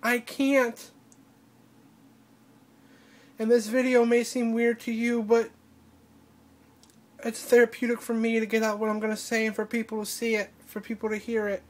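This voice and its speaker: A woman crying as she speaks in a personal video diary, halting and breaking off to restart her sentences. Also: a little high, little pitch movement, a little mellow. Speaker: vlogger.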